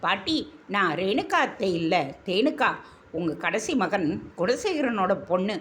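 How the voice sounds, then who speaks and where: A woman voicing a gentle young woman who soothes and questions her grandmother. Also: mid-range voice, sing-song, a little slow, a little hiss or hum. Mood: soothing.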